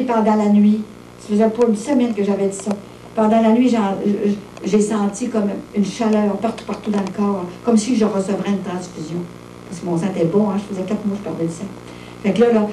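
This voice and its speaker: A woman's voice: mid-range voice, warm tone, a little hiss or hum. A Québécois woman in her fifties, giving a plain-spoken personal testimony full of little fillers. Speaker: testimony speaker. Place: monastery room with visitors. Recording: roomy echo, distant mic, faint ambience.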